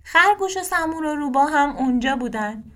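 A woman reading a children's storybook aloud in a gentle, expressive way. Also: sits high.

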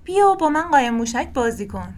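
A woman's voice: sits high, big pitch swings, slight background noise. A woman voicing a playful fox who coaxes and invites in a storybook reading. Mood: coaxing.

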